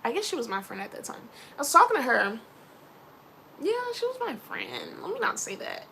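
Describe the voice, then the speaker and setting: A young woman vlogger casually telling stories to camera, animated and acting out the people she quotes. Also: sits high, fairly quick, vocal fry, a little hiss or hum, rough recording. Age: young adult. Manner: animated, quoting others in lively voices. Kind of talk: casual storytelling vlog.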